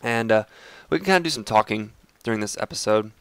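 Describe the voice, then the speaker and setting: A man's voice: fairly low pitch, lively intonation, fast, clean tone, no echo. Congested young man chatting over gameplay. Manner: chatty and rambling, addresses viewers as guys. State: congested, clogged sinuses. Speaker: Minecraft let's play host. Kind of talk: casual gameplay commentary.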